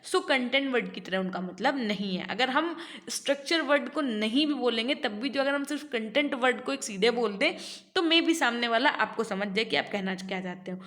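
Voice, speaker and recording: An Indian woman teaching an online class, explaining patiently in Hindi and reading English passages slowly aloud. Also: fairly high pitch, lively intonation, a bit bright, roomy sound. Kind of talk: online lecture.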